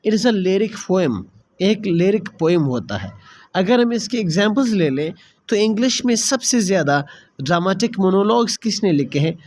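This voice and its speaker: A young man lecturing on literature, explaining each point slowly and repeating it in two languages. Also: high-pitched, lively intonation, a little mellow. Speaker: literature teacher. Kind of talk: lecture mixing Hindi and English.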